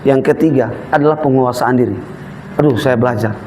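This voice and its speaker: A man's voice: mid-range voice, a little fast, slight background noise. A man preaching a sermon, telling stories with humor and acting out voices. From Eastern Indonesia. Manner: lively, humorous storytelling with mimicked voices. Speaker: pastor.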